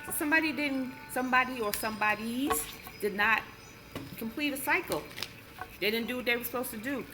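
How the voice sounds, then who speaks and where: A woman's voice: a little high, a little fast, rough recording. A woman doing a casual tarot card reading for her channel, chatting through each card's meaning step by step. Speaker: tarot reader. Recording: music playing under the voice. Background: background music.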